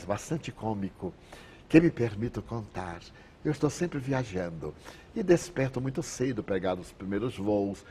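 Brazilian male spiritist speaker, deep and highly animated, storytelling sermon delivery. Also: slight background noise. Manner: expressive, acts out dialogue in anecdotes. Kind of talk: inspirational lecture with storytelling.

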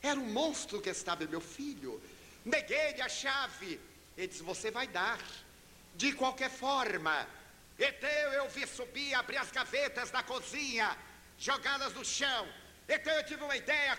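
High, bright older man giving a dramatic talk. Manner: dramatic, with sudden shifts in pitch and loudness. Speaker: spiritist speaker. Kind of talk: sermon-style dramatic storytelling. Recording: reverberant hall, faint hiss.

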